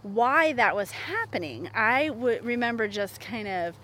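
A woman in her forties hosts her podcast as a therapist, talking in a chatty, animated way and laughing often. Her voice sits a little high. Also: measured pace. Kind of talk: casual podcast monologue.

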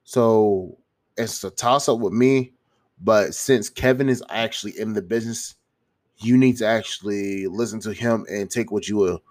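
Congested, stuffy-nosed man with a low voice. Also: a little mellow. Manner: rambling, repeats and restarts phrases; slangy, frequent swearing. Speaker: YouTuber giving self-improvement advice. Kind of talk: casual motivational monologue to viewers.

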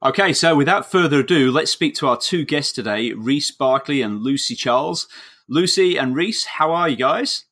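A man's voice: fairly high pitch, expressive, moderate pace, fairly bright tone, breathy edge. A middle-aged man with a broad Yorkshire accent, hosting a podcast in an enthusiastic, wordy, chatty way. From north of England. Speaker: podcast host, swimming coach. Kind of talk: chatty podcast introduction and interviewing.

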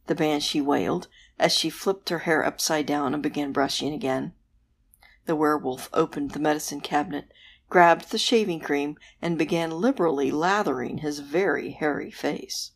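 A woman host narrating a bedtime story in a soft, gentle, unhurried way. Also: deep voice, husky.

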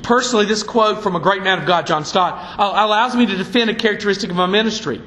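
A man's voice: sits high, fast, pushed and bright, reverberant, slight background noise, rough recording. A man preaching a sermon from the pulpit, fiery and emphatic. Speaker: pastor. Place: church sanctuary.

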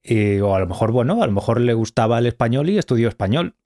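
A man, talking in a measured, agreeable way and checking facts in a casual podcast conversation. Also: mid-range voice, expressive, mellow. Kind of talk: casual chat.

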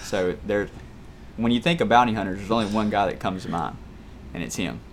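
A man's voice: fairly low pitch, brisk. A man hosting a podcast, chatting casually and laid-back. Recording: faint background noise.

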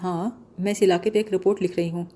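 A woman's voice: lowish voice, steady tone, warm tone, lightly acted. A woman reading an audiobook voices a determined young woman law student, speaking in an earnest, insistent way.

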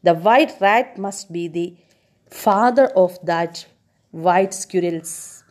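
A woman's voice: lowish voice, slow pace. A woman teacher retelling a story to her students, stopping to quiz them with questions and stressing key words. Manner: expressive, quizzes listeners with questions.

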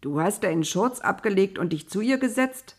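A woman voicing an old male prison keeper who talks in a gruff, teasing, chatty way in an audio storybook. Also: lowish voice, normal speed, lightly acted. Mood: wry.

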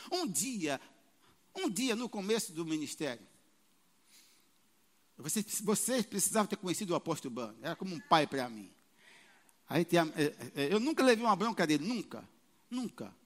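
A male pastor preaching to his congregation in a high, bright voice. His delivery is animated, with sudden loud peaks and brief quoted voices. The sound carries a long reverb from the church hall. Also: moderate pace, long pauses. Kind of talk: sermon.

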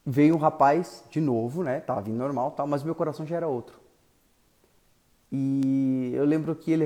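A male pastor, telling a story in an animated sermon that swings from loud to soft. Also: mid-range voice.

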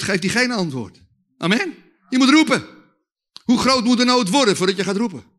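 Preaching a sermon with testimony, a man with a very high-pitched voice leads lively call-and-response with the audience and shouts at the climaxes.

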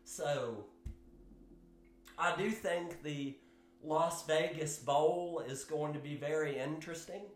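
Slow-talking man hosting a sports podcast. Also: on the high side, roomy sound, a little hiss or hum. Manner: slow, measured, with fillers and hedges. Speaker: podcast host. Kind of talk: solo sports commentary podcast.

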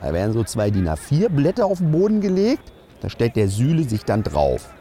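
A man's voice: mid-range voice, normal speed. A man doing a satirical comedy monologue outdoors, delivering jokes and punchlines. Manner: jokey, punchline delivery with lively swings.

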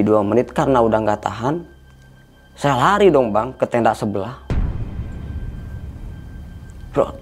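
A man's voice: medium pitch, darkish tone. A man casually recounting a frightening hiking experience, tensely imitating the eerie sounds he heard. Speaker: hiker telling a story. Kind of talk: casual storytelling.

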